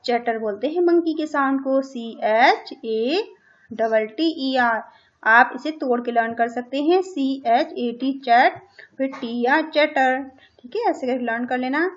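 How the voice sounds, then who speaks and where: A woman's voice: sits high, normal speed, dull audio. A woman teaching a young class online, who repeats each word, spells it letter by letter and keeps asking the class questions. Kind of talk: online class lesson in Hindi and English.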